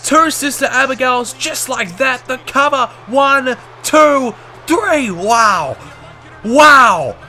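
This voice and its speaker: A man doing excited wrestling commentary over video game footage, calling the action in bursts like a ringside announcer. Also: very high-pitched, slow pace, faint music behind.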